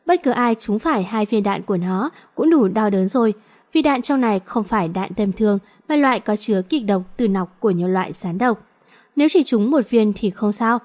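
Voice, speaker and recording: A woman reading as a calm, self-assured older sister who leads a gang, with a faintly menacing edge. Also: medium pitch, natural voice. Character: cool, commanding older sister, gang leader.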